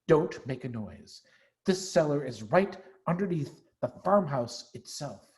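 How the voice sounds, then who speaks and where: A sly, self-assured fox father, as a man puts him on, speaks in a slightly raised, often hushed voice. This storybook creature is calm and crafty, and a man acts him out. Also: fairly high pitch, measured pace.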